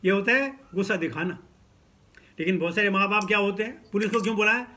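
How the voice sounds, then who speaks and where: High, bright-voiced male preacher. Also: quick pace. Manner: animated, chuckling, mixes in English words. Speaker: preacher teaching scripture. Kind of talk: sermon storytelling.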